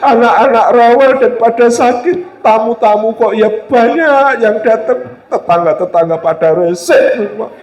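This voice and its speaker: A man's voice: very high-pitched, a little slow, few pauses, a little mellow, muffled recording. A man doing a hurt young housewife. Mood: weary. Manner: reproachful, pleading. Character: hurt young housewife scolding her husband. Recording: roomy hall, distant mic.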